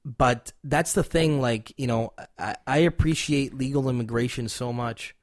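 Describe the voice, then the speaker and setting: A man in his twenties talking as a podcast guest in casual chat, animated and profane, full of "dude" and "like". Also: mid-range voice, normal speed, dry recording, clean studio sound. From Canada. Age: 20s.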